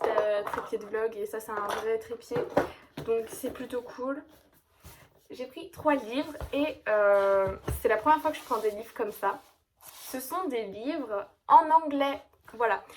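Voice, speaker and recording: A young woman in her late teens from France vlogs casually from home indoors, her voice a little high with a faint hiss or hum in the background. She chats gushingly, her speech full of fillers.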